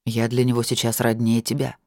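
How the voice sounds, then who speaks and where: Brief: grim dragon-blooded man, low, slow and heavy, dry close sound, read by an audiobook narrator. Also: monotone, no echo, natural voice. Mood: grave. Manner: quiet, measured, heavy.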